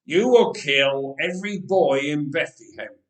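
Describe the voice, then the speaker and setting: A man playing a wicked, paranoid old king in a dramatic storybook reading, brooding and forceful. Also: on the high side, unhurried, natural voice. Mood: cold, ruthless. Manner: brooding mutters rising to forceful declarations. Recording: roomy echoing voice recording.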